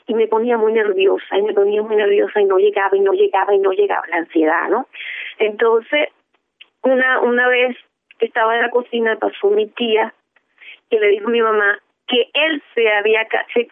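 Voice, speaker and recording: A woman therapist telling a case story in an animated, lively way over a phone line. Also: mid-range voice, no room sound.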